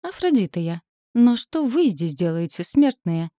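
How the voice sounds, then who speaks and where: A woman's voice: fairly low pitch, big pitch swings, a little slow, warm tone, no room sound, clean studio sound. A woman voicing a flirtatious, coquettish goddess in an audiobook. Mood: coy. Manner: coquettish, teasing. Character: flirtatious naked goddess, playful and coy.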